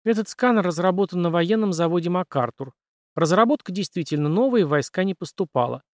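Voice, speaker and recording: A man voicing a somber older father, a former soldier, speaking in a measured, grave way. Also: high-pitched, animated, no room sound, studio quality, voice pushed up. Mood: matter-of-fact.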